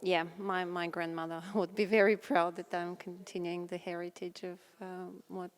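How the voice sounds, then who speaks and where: A woman's voice: on the low side, flat delivery, moderate pace. Earnest woman. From Bulgaria. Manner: earnest, warm storytelling with fillers. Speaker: interviewee, folk dancer. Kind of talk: casual interview answers.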